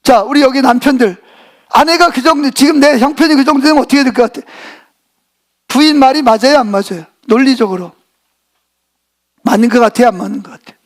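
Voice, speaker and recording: High-voiced man preaching a sermon. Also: fairly quick, long pauses. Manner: animated storytelling, quizzing the congregation with rhetorical questions. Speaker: pastor.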